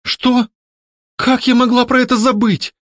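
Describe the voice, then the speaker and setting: A man's voice: high-pitched, huge pitch swings, moderate pace, a bit bright, no echo, studio quality, voice pushed up, heavily acted. A man voicing a frightened young noblewoman on the edge of tears. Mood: tearful. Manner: weepy, trembling.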